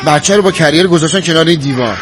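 An actor with an Iranian accent playing a cautious, fussy but good-hearted husband in a TV drama. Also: male voice, fairly high pitch, natural voice. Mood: surprised. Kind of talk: Persian television drama acting. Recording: noisy drama soundtrack.

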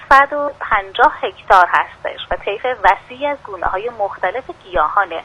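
A woman's voice: medium pitch, bright, forceful tone. A woman contributor speaking over the phone to a radio show, presenting a feature in a friendly, informative way. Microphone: telephone. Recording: phone line into radio broadcast.

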